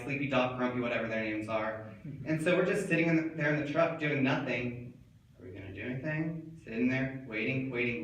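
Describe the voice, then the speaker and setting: A man performing a comic stage monologue, telling a wild story and shouting the quoted lines. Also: medium pitch. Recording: echoey room, far from the mic, some noise.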